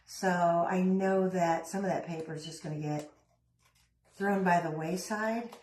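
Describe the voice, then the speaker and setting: A woman's voice: lowish voice, fairly even intonation, a little slow, a little mellow, echoey room, rough recording. A middle-aged woman chatting casually while she works on a craft, rambling with self-deprecating asides. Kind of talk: casual craft vlog chat.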